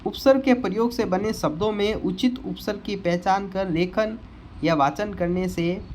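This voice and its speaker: Preparing students for exams, this man goes through Hindi grammar one word at a time, slowly saying each incorrect form and then the correct one while fixing spellings. His voice sits high with a darkish tone, and a little background noise is audible.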